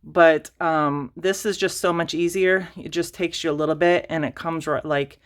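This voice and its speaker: A woman's voice: deep voice, fairly even intonation, moderate pace. A woman hosting a casual craft tutorial, rambling and self-deprecating with lots of fillers and restarts, a little out of breath. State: slightly out of breath. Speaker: crafting channel host.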